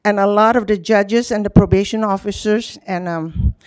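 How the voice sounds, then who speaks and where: An older woman, addresses a public meeting in an animated, talkative way. Her voice sits at an ordinary pitch. The sound is dry and close. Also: normal speed, smooth, dry recording. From Hong Kong, grew up in Indonesia. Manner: animated, talkative, frequent laughs. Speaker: nonprofit youth program leader. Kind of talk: speaking at a public city meeting.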